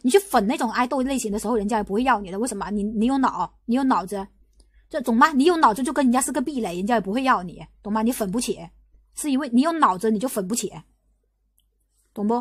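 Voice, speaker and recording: A young woman from Guangdong holds forth on her livestream in quick, tumbling bursts. She argues insistently, restarting sentences and hammering the same rhetorical questions again and again. Her voice sits high, and the close, dry sound leaves no room echo. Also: lively intonation, husky. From Guangdong, China. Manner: rapid, repetitive, argumentative, lots of restarts and rhetorical questions. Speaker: livestream host. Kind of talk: casual livestream commentary.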